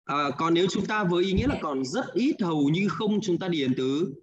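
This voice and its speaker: A man's voice: high voice, lively intonation, a little fast, a loud crowd. Male Hanoi teacher, patient, checks in often, muffled line. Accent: Hanoi Vietnamese. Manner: patient, repeats answers, ends with "đúng không ạ?". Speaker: English teacher. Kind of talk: online class, guiding students through exercises.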